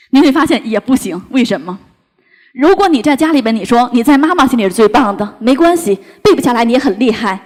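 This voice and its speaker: A woman giving a parenting talk on stage to an audience, animated and acting out dialogue with her child. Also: fairly high pitch. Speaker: parenting speaker.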